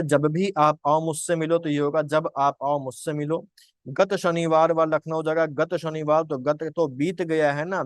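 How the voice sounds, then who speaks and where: A young male tutor explains exam answers in a fairly high voice. He quizzes his listeners and answers his own questions. The recording is dry and close, with no room sound. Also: no room sound. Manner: asks questions and answers them himself, repeats points. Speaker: exam-prep Hindi teacher.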